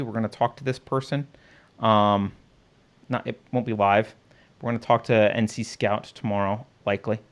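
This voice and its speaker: A man's voice: mid-range voice, fairly bright tone, smooth. A man hosting a political talk show, talking casually as he walks through video footage and points things out on screen. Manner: conversational, pointing things out on screen, frequent restarts.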